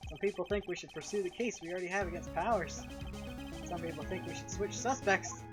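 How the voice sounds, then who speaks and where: A woman plays a tough, folksy police detective from a video game. He is a well-meaning, erratic lawman with old-school cop patter. Game music plays clearly behind the voice. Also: fairly low pitch, brisk, lightly acted. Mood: glum, confiding. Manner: folksy tough-cop talk, ending on "pal". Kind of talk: video game character voice-over.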